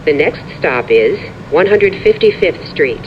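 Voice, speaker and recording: A prerecorded train announcer heard over a subway car's intercom, giving stops in an even, measured delivery. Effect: over a train intercom speaker. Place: inside a subway car. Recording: muffled lo-fi train speaker, rumble behind.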